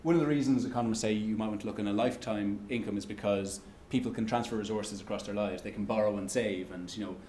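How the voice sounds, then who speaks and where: A man with an Irish accent and a low-leaning, dark, fairly even voice responds haltingly to questions after an economics lecture, restarting often and filling pauses. Slight hiss or hum colors the echoey lecture-room audio.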